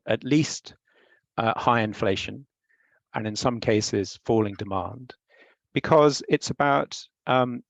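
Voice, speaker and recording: A man with a gravelly, creaky voice speaks in a measured, explanatory way during a panel discussion. His voice sits at an ordinary male pitch. It is recorded dry and somewhat muffled, like an online call. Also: no room sound. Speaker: company head explaining a training method. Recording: dry, dull lo-fi sound.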